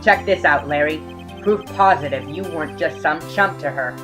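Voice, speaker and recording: A man's voice: on the high side, moderate pace, music in the background, natural voice. A man playing an earnest, exasperated young rookie defense lawyer in an amateur video game fandub. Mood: encouraging.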